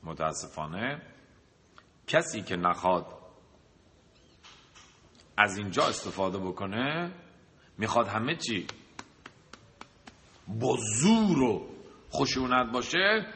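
Male preacher who talks through lists and rhetorical questions, with a forceful bright voice and a long hall echo. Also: medium pitch, big pitch swings, pauses often. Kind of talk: sermon with a told anecdote. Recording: long reverb of a large hall.

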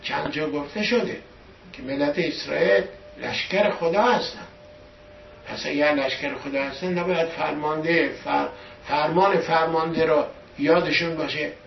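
A man giving a storytelling sermon as a religious teacher, pushing key words louder for emphasis. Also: fairly high pitch, creaky, a little hiss or hum. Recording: echoey room from a distant dull mic.

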